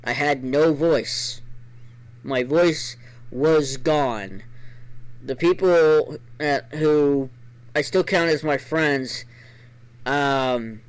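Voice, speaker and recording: A man streamer telling a casual story before a let's play, rambling with restarts, his voice a bit gravelly. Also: fairly high pitch, very slow, pauses often, poor audio. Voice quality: normally gravelly voice.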